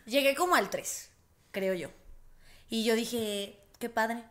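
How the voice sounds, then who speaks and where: Animated young Mexican woman, high voice. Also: slow. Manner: animated storyteller, laughs often, acts out quotes. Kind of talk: casual chat.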